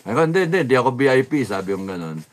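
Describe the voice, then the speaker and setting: A man tells a casual story about a rally, speaking rapid-fire. He's animated and laughs a lot, sometimes sinks into a low, soft mumble, and acts out the voices of the people he quotes.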